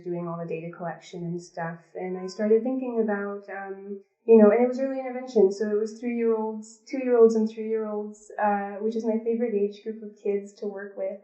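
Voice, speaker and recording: Guesting on a relaxed interview, this thirtysomething behavior analyst from the Pacific Northwest talks with frequent ums and false starts. She has a warm, medium-pitched voice, captured on lo-fi, echoey call audio.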